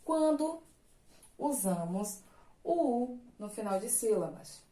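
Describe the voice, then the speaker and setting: A woman's voice: fairly high pitch, very animated, takes it slowly, warm tone. Patient woman teacher in an echoey room. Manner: patient, explanatory, checks in with frequent tags. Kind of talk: recorded online class lesson.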